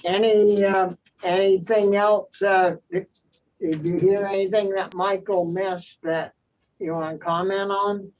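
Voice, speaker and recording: A committee chair running a meeting over a video call, halting and full of fillers. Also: medium pitch, flat delivery, darkish tone, a little hiss or hum. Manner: hesitant, halting, many fillers. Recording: dull lo-fi audio.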